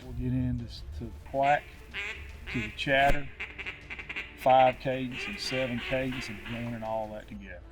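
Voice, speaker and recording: A man's voice: mid-range voice, steady tone, normal speed, far from the mic. Plain-spoken man coaching, slightly off the mic. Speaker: duck calling instructor. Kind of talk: instructional talk with demonstrations. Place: outdoors, woods by water.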